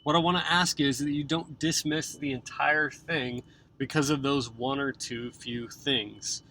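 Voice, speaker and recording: A man opening a podcast episode who speaks directly to his listeners with an earnest, gentle appeal. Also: medium pitch, fairly even intonation, measured pace, a little hiss or hum, low-quality recording. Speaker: podcast host.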